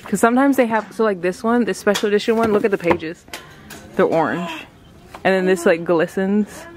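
A woman's voice: mid-range voice, fairly even intonation, normal speed. A young woman hosting a casual vlog while book shopping, chatty and giggly, recorded in a bookstore. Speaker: vlog host.

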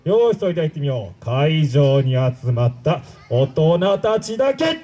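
An actor playing a pompous male android villain, speaking grandly to a live show crowd and shouting his calls. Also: on the high side, very animated, normal speed, poor audio. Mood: commanding. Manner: grandiose commanding speech, loud shouted calls. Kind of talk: live character-show acting.

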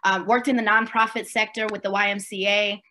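A woman in her forties from Swaziland speaks on a video call from a room at home, her voice bright and clear in tone. She talks in a relaxed, conversational way, pausing with fillers and checking in with her listeners. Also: medium pitch. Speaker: keynote speaker. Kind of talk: virtual keynote talk.

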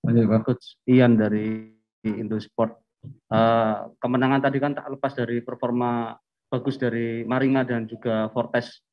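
A man's voice: mid-range voice, flat delivery, measured pace. A man, a sports reporter, asking a brief question at a press conference. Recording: dull sound from off mic.

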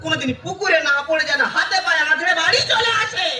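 A woman playing an exasperated village wife in a broad stage comedy, scolding in a shrill, melodramatic way. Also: expressive, fast talker. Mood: nagging. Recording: echoey stage PA, distant, loud music.

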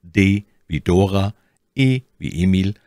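A man's voice: low-pitched, takes it slowly, dark tone, no echo, clean studio sound. A man teaching a language, spelling it out letter by letter and item by item in an instructional narration. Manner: spelling it out letter by letter with example words.

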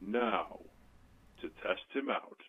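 Cold husky company interviewer. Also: male voice, on the low side, animated, slow pace, dry recording, full character voice. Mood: cold, businesslike. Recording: dry, tinny phone-like lo-fi.

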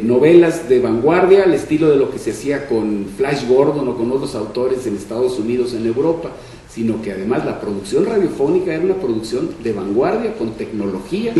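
In a conference room, a man in his sixties from Monterrey, Mexico, speaks on a panel with a northern Mexican accent, reading a prepared talk from notes in an expressive, deliberate way at medium pitch. A shared table microphone on a stand picks him up from a distance in an echoey room with faint noise.

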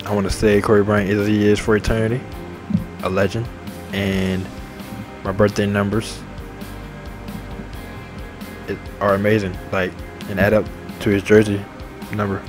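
A gaming channel host in his twenties, low-voiced, rambles casually over a game menu with faint menu music behind him. His delivery is flat and at a normal speed, yet upbeat, repetitive, and full of enthusiastic shout-outs.

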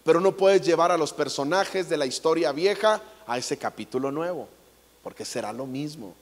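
A man with a Mexican accent giving a comic inspirational talk to an audience, an animated, jokey storyteller who acts out voices. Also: a little high, moderate pace. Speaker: motivational speaker. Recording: echoey large hall.

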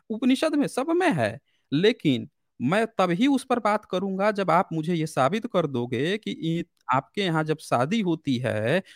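A high-pitched man hosting a live call-in debate, pressing his caller with rapid, insistent questions. His voice is dry and close, with no room sound around it. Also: no echo. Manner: argumentative, rapid-fire questioning. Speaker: host.

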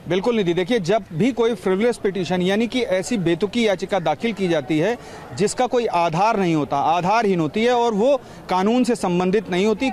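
Standing outdoors by a street, a reporter in his forties speaks into a handheld mic, live from outside a court, explaining a ruling in a measured way. His voice is high with a darkish tone, and he glosses legal terms as he goes.

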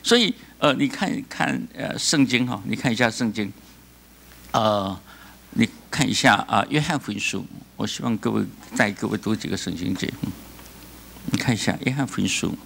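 A man with a Taiwanese Mandarin accent preaching a sermon as pastor, animated, often laughing and prompting the congregation to answer. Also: lowish voice, normal speed, creaky, slight background noise. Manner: animated, asks the congregation call-and-response questions; laughs often between remarks.

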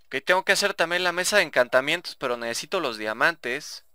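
A man's voice: fairly high pitch, animated, a little fast, background noise. A young man with a Mexican Spanish accent giving casual, chatty gameplay commentary, swearing and talking to himself. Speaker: gaming YouTuber.

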